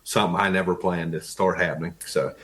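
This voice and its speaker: A man with an Appalachian accent and a fairly low voice talks casually in an interview. He sounds like a tradesman, plainspoken and folksy. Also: fairly even intonation, fast talker, fairly bright tone. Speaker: interview guest, wood flooring tradesman.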